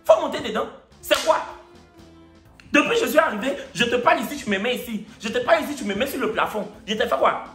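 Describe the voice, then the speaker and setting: A man's voice: very high-pitched, fast, voice pushed up. A man putting on an Ivorian accent to play himself, exasperated and mocking, in an echoey room with faint music. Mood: exasperated mockery. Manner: animated, mocking, rhetorical questions.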